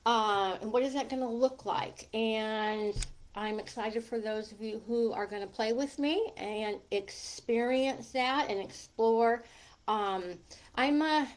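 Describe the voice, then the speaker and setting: A woman's voice: on the high side, slow. A middle-aged or older woman with a lisp and whistling s, chatting casually and informally to viewers as a coach hosting a livestream, with rambling asides. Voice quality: lisp with whistling, slushy s from a gap in her teeth.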